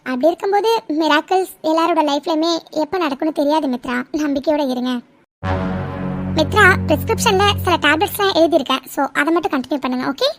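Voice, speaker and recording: A woman voicing a gentle cartoon doctor, very high. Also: fast talker, faint music behind. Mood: reassuring. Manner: gentle, reassuring. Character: calm female doctor, reassuring. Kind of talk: cartoon serial voice acting.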